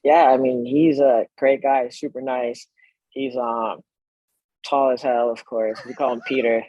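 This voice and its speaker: French-born male athlete, thirties, husky, easygoing interview guest. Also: medium pitch, a little slow, no room sound, highs cut off. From France. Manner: relaxed, chatty, laughs easily. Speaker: professional soccer player, guest. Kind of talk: casual podcast interview.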